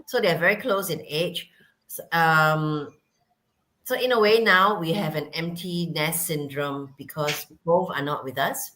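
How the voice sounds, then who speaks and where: A woman's voice: low-pitched, fairly bright tone. A middle-aged woman from Singapore, a guest chatting casually over a video call, with laughing asides. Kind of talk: casual self-introduction.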